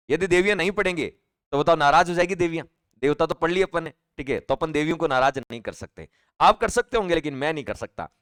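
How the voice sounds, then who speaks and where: A man's voice: a little high, no room sound, clean studio sound. A male teacher giving a live online exam-prep class, chatty and repetitive, often asking his students questions. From Rajasthan, India.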